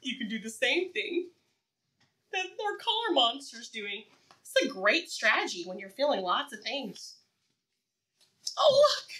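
A woman teaching preschool reads a story aloud to young kids, posing encouraging questions and leaving pauses for answers. Her voice is a little high, sing-song, bright and forceful.

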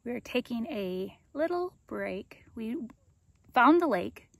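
A woman's voice: on the high side, sing-song, slow pace, creaky. A woman in her forties chatting and laughing while vlogging a hike outdoors, camera at arm's length. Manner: giggly, chatty, teasing. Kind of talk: casual hiking vlog chat. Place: outdoors on a forest trail. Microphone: camera held at arm's length.

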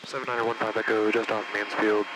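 A man's voice: fairly low pitch, little pitch movement, fast talker. A man flying a small plane, talking through a cockpit headset in clipped aviation radio phrases. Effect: pilot speaking through a cockpit headset. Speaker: pilot. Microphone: headset boom mic. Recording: loud engine noise in a small plane cockpit.

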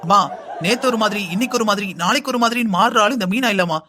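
A man's voice: high voice, racing, bright, forceful tone, a faint crowd, slight background noise. A man voicing a lazy, scheming young wife in a cartoon, whining and complaining in long sing-song lists. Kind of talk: cartoon voice acting.

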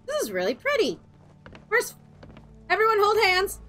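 A woman's voice: very high voice, wildly swooping pitch, normal speed, fairly bright tone. A woman giving casual, chatty gameplay commentary in a playful, exclaiming way. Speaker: game streamer. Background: game music.

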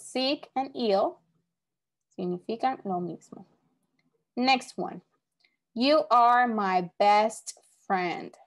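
A woman teaching a recorded English vocabulary lesson, explaining each word patiently and repeating it. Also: medium pitch.

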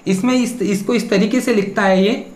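A teacher runs an exam-prep spelling lesson at a middle pitch. The teacher poses questions and answers each one, breaking words into syllables. The voice rings in a roomy, echoing space. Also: steady tone, normal speed, a little mellow. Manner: rhetorical questions, then the answer. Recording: echoey room.

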